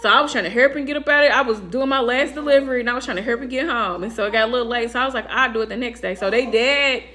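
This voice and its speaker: High-voiced animated woman telling a story. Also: rapid-fire, hardly any pauses. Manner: animated, acts out quoted voices with big pitch jumps. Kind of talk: casual storytime vlog.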